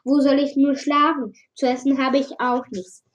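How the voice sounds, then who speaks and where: A woman voicing a dazed, worried young man who has lost his home, read slowly from a storybook. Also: sits high, level tone, dull audio, natural voice.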